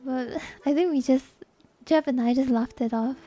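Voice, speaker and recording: Young woman streamer, off-the-cuff chat with viewers, candid and profane, laughs easily, slightly high voice. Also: normal speed, warm tone. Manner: candid, laughs often, swears casually.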